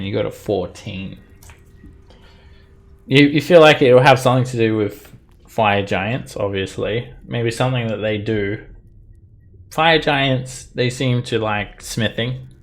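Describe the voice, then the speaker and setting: A man running an online tabletop game as game master, narrating casually with halting, improvised phrasing. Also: mid-range voice.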